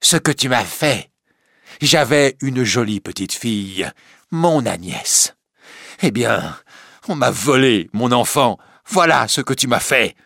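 A man's voice: mid-range voice, big pitch swings, takes it slowly, gravelly, fairly bright tone, dry recording, studio quality, pitched above the performer's own voice, heavily acted. A man reading a story aloud, voicing a grieving, vengeful old female recluse who mourns her lost child. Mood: bitter. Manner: bitter, grief-stricken, wailing.

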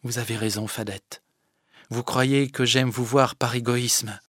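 A man's voice: medium pitch, steady tone, a little slow, no room sound, studio quality. A man voicing a sickly, plaintive young man. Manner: plaintive, soft-spoken. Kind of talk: audiobook character voice.

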